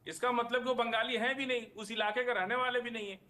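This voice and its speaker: A man's voice: very high-pitched, fairly even intonation, fast, sharp tone. A man arguing heatedly as a panelist in a TV debate, stammering and restarting as he pushes his point.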